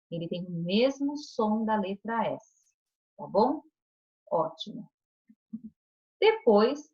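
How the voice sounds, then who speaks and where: A woman teaching a recorded online class to young children, patient and coaxing, checking in often with short questions. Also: mid-range voice. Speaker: primary school teacher. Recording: dull lo-fi recording.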